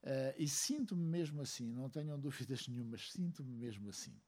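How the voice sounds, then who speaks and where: Reflective man with a mellow voice. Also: medium pitch, lively intonation. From Angola. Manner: reflective, measured, many hesitations. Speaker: speaker at a book launch. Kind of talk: speech to a seated audience.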